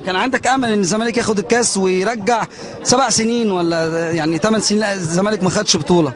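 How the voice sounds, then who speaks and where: A man's voice: sits high, racing. A man with an Egyptian accent working as a reporter, doing an on-the-spot interview and prompting with short questions. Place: outside a large stadium. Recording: outdoor crowd noise behind. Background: crowd and urban outdoor noise.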